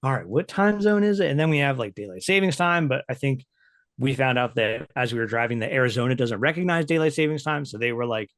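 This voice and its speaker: Male guest, casual and rambly, mid pitch, dry close mic. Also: expressive, fast talker, dry recording. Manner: loose and chatty, many "like" fillers, laughs often. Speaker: podcast guest, writer and editor. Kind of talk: casual interview chat.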